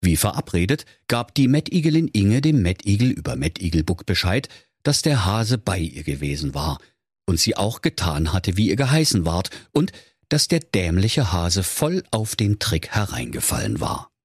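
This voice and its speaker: A man telling a comic fairy tale in a mock-solemn storybook tone. His voice is a little husky and moves a lot in pitch. The recording is dry and close. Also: big pitch swings, moderate pace, dry recording.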